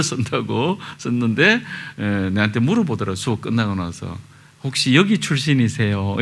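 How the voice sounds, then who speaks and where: A middle-aged pastor preaching a sermon in a relaxed storytelling way, pausing often with small fillers. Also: male voice, mid-range voice. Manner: conversational storytelling with many pauses and fillers. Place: church sanctuary.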